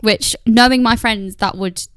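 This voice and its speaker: A woman's voice: on the high side, fairly even intonation, a little slow, fairly bright tone, dry recording, studio quality. A young woman with an East Midlands English accent, hosting a podcast in casual, giggly chat. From England. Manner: chatty, giggly. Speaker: podcast host.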